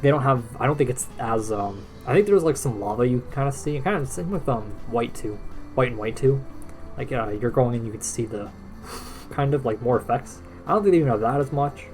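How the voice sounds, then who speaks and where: Casual solo game commentator, male, tired and yawning, restarts his sentences, soft music underneath. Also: mid-range voice, expressive, a little fast. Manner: rambling, restarts sentences often. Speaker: gaming video creator. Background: soft background music.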